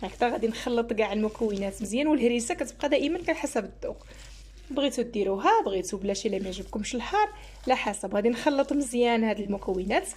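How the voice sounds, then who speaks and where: Brisk, chatty Moroccan woman cooking. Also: on the high side, animated, darkish tone, slightly rough. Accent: Moroccan Arabic. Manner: chatty, explains each step while working. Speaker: cooking channel host. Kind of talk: cooking tutorial voice-over.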